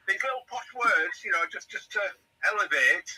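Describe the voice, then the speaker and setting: Yorkshire male, casual group chatter, sharp bright tone with lively intonation, a bit off-mic. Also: sits high, moderate pace, slightly rough, recorded from a distance, poor audio.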